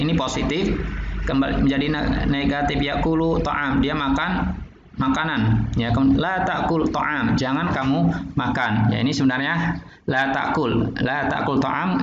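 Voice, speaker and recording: A man teaching an online Arabic textbook lesson, explaining each term in with pauses and restarted words. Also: mid-range voice, vocal fry. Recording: roomy, dull lo-fi recording with faint noise.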